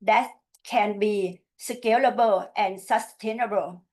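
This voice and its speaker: A woman's voice: medium pitch, fairly even intonation, slow, darkish tone. A woman from Thailand, formally wrapping up her webinar presentation in careful English. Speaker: program presenter.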